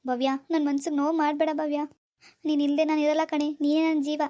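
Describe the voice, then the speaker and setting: Woman playing a heartbroken poor young village man, cartoon voice, high and monotone, hurried pleading. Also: natural voice. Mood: hurt. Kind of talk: cartoon dialogue voice acting.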